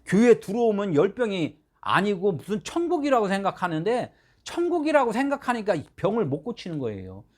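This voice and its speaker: Animated male pastor preaching. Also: sits high, brisk. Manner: conversational preaching with frequent rhetorical questions; animated, swings between loud and soft. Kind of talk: sermon.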